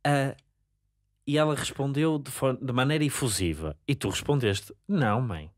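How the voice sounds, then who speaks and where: A man's voice: mid-range voice, expressive, normal speed, no echo, studio quality. A man, co-hosting a casual podcast, questioning his friend like a mock interrogator. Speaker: podcast co-host.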